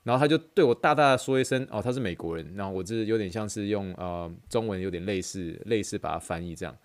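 Fast-talking Taiwanese Mandarin man, low voice. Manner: rambling, repeats phrases, chatty asides. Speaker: podcast host. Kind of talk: casual chat.

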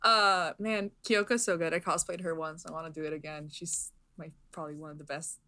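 Young woman, podcast host, casual chat, laughs a lot, gushing, bright tone. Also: deep voice, fairly even intonation, brisk.

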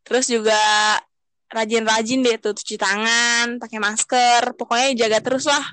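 A woman's voice: on the high side, steady tone, normal speed, fairly bright tone. A young adult woman with a Jakarta Indonesian accent, chatting casually and in slang as a podcast co-host.

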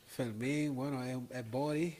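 A man's voice: mid-range voice, fairly even intonation, a little slow, a little mellow. A man from Springfield, Massachusetts, an interview guest who speaks earnestly and mixes in English words. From Springfield, Massachusetts, USA. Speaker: guest, music producer. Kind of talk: casual interview.

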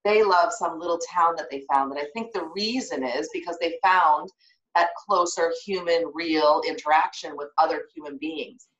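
A woman's voice: low voice, moderate pace, a bit bright. A woman hosting a casual interview, talking with enthusiasm. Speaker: interview host. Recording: roomy, distant and muffled.

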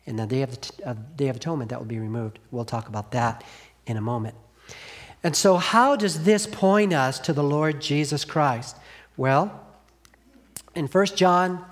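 A middle-aged man preaching a sermon earnestly, asking the congregation questions and dropping to a hush on key lines. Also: on the high side. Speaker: pastor.

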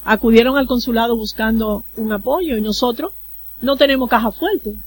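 Slight background noise accompanies this radio interview, in which a consular official from the Dominican Republic explains procedures at a normal speed. Her voice is fairly high and her Dominican Spanish accent is clear, and she earnestly illustrates her points with everyday examples.

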